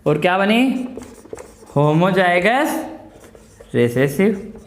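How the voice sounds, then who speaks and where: A man's voice: high voice, very animated, extremely slow, a little hiss or hum. A male biology teacher giving an exam-prep lecture, asking his class questions and answering them himself, repeating key terms and using homely examples. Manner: explains with homely everyday examples in a coaxing tone. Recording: echoey room.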